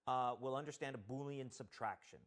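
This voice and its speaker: A man's voice: mid-range voice, a little fast. A man from Canada, a game developer guest on a talk show, explaining technical systems in detail and thinking aloud as he goes.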